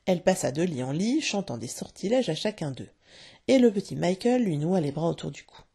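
A woman reading a storybook aloud with expressive, lively narration. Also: fairly low pitch, brisk, vocal fry, slightly rough.

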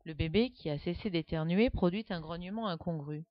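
A woman narrating a children's story with a lively, expressive reading, on a dull, dry recording. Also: on the low side, a little fast, no echo.

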